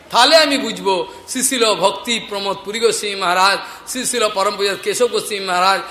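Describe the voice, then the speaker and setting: A man's voice: sits high, sharp tone, slight background noise. A man preaching a devotional sermon, telling stories with laughs as he goes. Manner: storytelling with laughs, retelling a conversation. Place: hall in a market. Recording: echoey hall with faint ambience.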